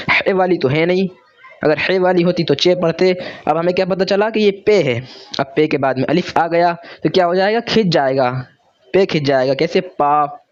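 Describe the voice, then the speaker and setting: A man's voice: fairly high pitch, darkish tone, lo-fi sound. A man teaching a reading lesson, patiently sounding out letters and syllables and asking and answering his own questions. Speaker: Urdu teacher.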